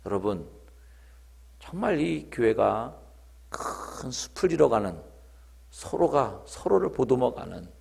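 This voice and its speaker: A man's voice: fairly low pitch, creaky, a little mellow, slightly rough. A middle-aged man, a pastor preaching at a revival meeting, telling stories and making emphatic appeals. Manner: emphatic storytelling, rising to impassioned appeals. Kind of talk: revival sermon.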